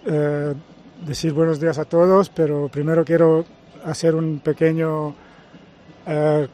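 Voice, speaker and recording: A man in his fifties from Serbia, a native Serbian speaker with a Serbian accent, talking as a guest pundit on a live match broadcast in a measured, hesitant way. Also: on the high side, little pitch movement, warm tone, a little hiss or hum. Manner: measured, hesitant with frequent pauses. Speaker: guest pundit, former footballer and coach. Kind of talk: live match commentary chat.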